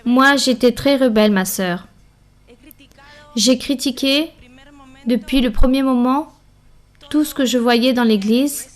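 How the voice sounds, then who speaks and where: Higher-voiced woman interpreting a Bible study. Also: slow pace, long pauses.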